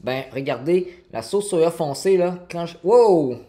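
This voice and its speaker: A man's voice: fairly high pitch, expressive, measured pace, dark tone. Chatty Québécois man cooking live. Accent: Québécois French. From Quebec. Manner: chatty, many fillers, answers chat viewers. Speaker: cooking livestreamer. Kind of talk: casual live cooking stream. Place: home kitchen indoors. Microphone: fixed camera on counter.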